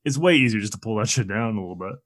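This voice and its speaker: A man co-hosting a casual movie podcast, trading crude quick quips. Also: lowish voice, animated, no room sound, clean studio sound. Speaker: podcast co-host.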